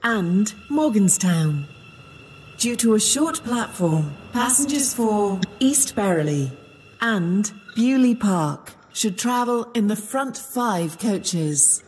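A woman giving formal, measured train station loudspeaker announcements. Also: medium pitch, expressive, a little hiss or hum.

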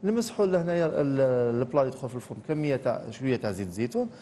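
A man's voice: mid-range voice, expressive, dark tone, long reverb tail, a little hiss or hum. A man with an Algerian accent, a TV chef talking through a recipe step by step in a studio kitchen. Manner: rapid, explaining steps. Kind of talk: cooking demonstration.

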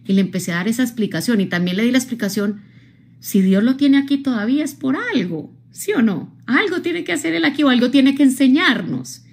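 A woman from Colombia, speaking a little high and a little fast, delivers an expressive motivational talk on a live stream. She speaks directly to her viewers and frequently checks in with them using tag questions.

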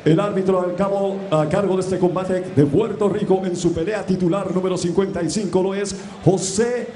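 High-pitched, showy male lucha-style ring announcer. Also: steady tone, mellow. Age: middle-aged. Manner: booming showman delivery with drawn-out words and rapid runs. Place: boxing ring in an indoor arena. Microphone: handheld microphone. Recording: echoey arena PA with crowd noise.

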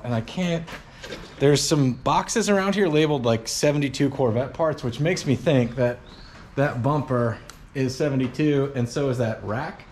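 A man in his forties, a garage channel host, musing aloud in a casual, rambling way while clearing out a cluttered old workshop, filmed on a handheld action camera. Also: mid-range voice, darkish tone, a little hiss or hum. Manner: rambling, musing, lots of fillers and trailing thoughts. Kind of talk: casual vlog commentary while cleaning. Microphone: action camera held at arm's length.

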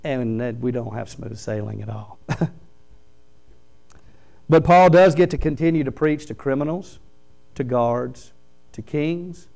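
A middle-aged pastor preaching a sermon in a small church, swinging from loud emphatic lines to quiet low ones. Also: male voice, a little slow, creaky, pauses often. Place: small church hall, indoors. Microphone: podium microphone.

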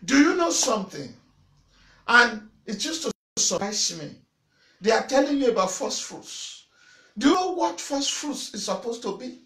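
A middle-aged man preaching to camera, repeating phrases and breaking into loud shouts. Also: extremely high pitch. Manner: forceful preaching with repetition and sudden loud shouts; waves arms and gestures while preaching. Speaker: pastor. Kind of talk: sermon to camera. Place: small indoor church room in front of a banner. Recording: echoey room.

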